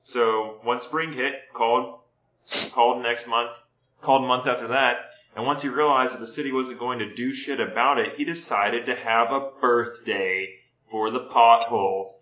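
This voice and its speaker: A man's voice: mid-range voice, steady tone, moderate pace, sharp tone, highs cut off. A man co-hosting a casual podcast, telling a story in a laid-back way, recorded on a laptop mic with a lot of room echo. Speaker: podcast co-host. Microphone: built-in laptop mic.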